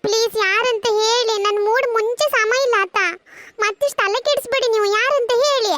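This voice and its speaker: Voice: very high voice, steady tone, moderate pace, bright, forceful tone. A performer voicing a sulky, whiny cartoon schoolboy who talks through tears. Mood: sulky tearful. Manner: whiny, tearful pleading. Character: Tammanni, sad, sulky schoolboy. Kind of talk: cartoon voice acting.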